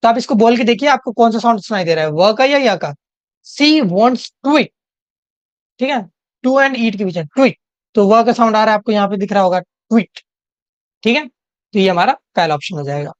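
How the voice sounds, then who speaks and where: In a dry, slightly dull home recording, a young woman with a medium-pitched, animated voice and Indian English accent tutors an English exam lesson in Hinglish. She works through it step by step, reading questions slowly and often asking "theek hai?"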